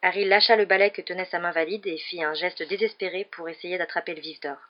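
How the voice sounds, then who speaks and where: A woman reads an audiobook chapter aloud in a steady, expressive storytelling manner. Her voice sits somewhat low, and the recording sounds dull and lo-fi. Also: fast talker. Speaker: audiobook narrator. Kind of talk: scripted audiobook narration.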